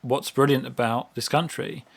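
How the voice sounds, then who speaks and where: A man's voice: mid-range voice, steady tone, normal speed, vocal fry. A man who is a guest on a casual podcast chat, musing aloud in loose analogies.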